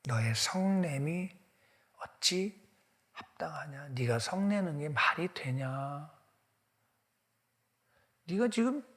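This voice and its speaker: Male preacher doing God: measured, bright, questioning in a low murmur. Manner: slow, measured rhetorical questions. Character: God, calmly rebuking an angry prophet.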